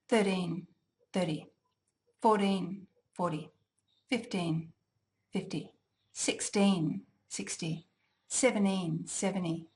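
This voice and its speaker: A woman teaching a language exam lesson, deliberately enunciating each word for listening practice. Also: medium pitch, a little mellow. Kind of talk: slow, clearly articulated lesson.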